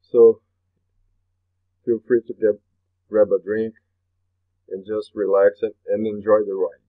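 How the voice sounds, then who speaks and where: A Brazilian man, a native Portuguese speaker with a Brazilian Portuguese accent, hosts a motivational webinar in a lowish voice, flat and a little slow. He is earnest and often repeats his phrases, and the audio sounds tinny and phone-like.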